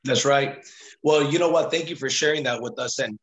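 A man's voice: mid-range voice, normal speed, husky, rough recording. A man hosting a video call interview, encouraging and speaking straight to his team. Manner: encouraging, addresses the audience directly. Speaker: host. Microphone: webcam on a video call.

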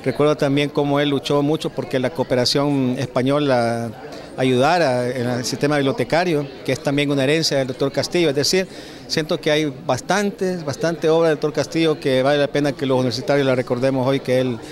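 A man's voice: medium pitch, fairly even intonation, a little fast. A man in his sixties reminiscing reflectively in an interview. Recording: crowded event room.

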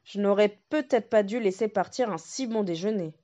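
A woman's voice: mid-range voice, moderate pace, warm tone, muffled recording, lightly acted. A woman voicing a hungry but sentimental male wolf who muses and grumbles to himself. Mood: musing.

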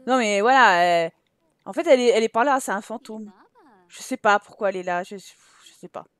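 A woman's voice: medium pitch, a little fast, fairly bright tone. A woman giving casual game commentary as a let's play host, chatting and scolding her game characters in exasperation.

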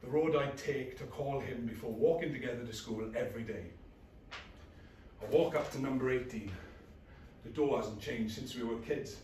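A man's voice: medium pitch, moderate pace, a little mellow. Guy in his 30s doing a moody theatre reading, clipped lines, roomy sound, bit of background hiss. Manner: intense, brooding, short clipped phrases. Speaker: actor in a rehearsed reading. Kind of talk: dramatic monologue, theatrical script reading. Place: small bare indoor rehearsal room. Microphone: distant camera across the room. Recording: echoey room, far from mic, faint noise.

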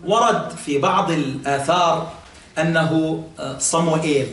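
Sheikh giving a lesson, kinda high voice, echoey room, mic a bit far. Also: male voice, normal speed, fairly bright tone. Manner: explanatory, quizzes listeners, hesitant fillers. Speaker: sheikh teaching Quran exegesis. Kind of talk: classroom religious lesson. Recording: echoey room, mic at a distance, faint ambience.

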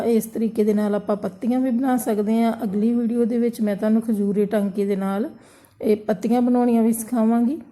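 A woman, gently talking viewers through an embroidery tutorial step by step. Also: fairly high pitch. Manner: gentle, repetitive instructional tone. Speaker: embroidery teacher. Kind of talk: step-by-step craft tutorial narration.

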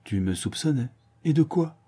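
A man's voice: medium pitch, expressive, normal speed, mellow, breathy edge, pitched above the performer's own voice. A man voicing a tender, teasing young countess in a storybook, speaking in a raised voice. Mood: surprised.

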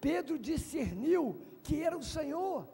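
A male pastor preaching a sermon at a congress. He speaks emphatically, shouting at times and calling on the crowd to answer him. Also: very high-pitched, big pitch swings, unhurried, creaky, big-room sound. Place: large congress hall.

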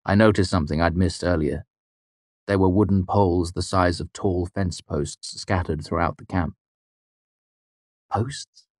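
A man narrating a fantasy novel in the first person, with a measured storytelling delivery. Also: sits low, fairly even intonation, no room sound, studio quality. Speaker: audiobook narrator.

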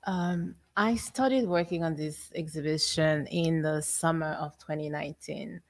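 A middle-aged woman from Haiti, an exhibition curator, speaking in a measured, reflective way on a panel in a gallery. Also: deep voice. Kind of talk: panel discussion. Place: art gallery room, indoors.

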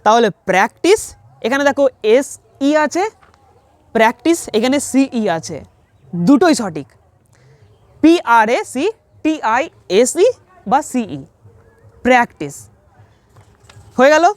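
A woman teaching English spelling in an online lesson, patiently spelling words letter by letter and repeating each one slowly. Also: fairly high pitch, big pitch swings, no echo.

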